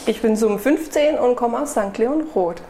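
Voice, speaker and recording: A woman's voice: a little high, moderate pace, warm tone. A woman from eastern Germany, a guest in a casual interview, giving short cheerful answers. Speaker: guest, new player. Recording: echoey room with faint noise.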